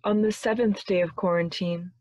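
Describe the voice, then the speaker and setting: A woman giving a dramatic reading of a parody carol with theatrical, deliberate phrasing. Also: fairly low pitch, steady tone, darkish tone, no echo.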